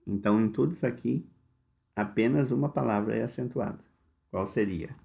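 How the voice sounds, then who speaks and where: Man, Brazilian Portuguese accent, gravelly, teacher explaining a lesson, slow and instructive. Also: on the low side, a little mellow. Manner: slow, instructive, addresses students directly with step-by-step directions. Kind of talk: recorded lesson walking through workbook exercises.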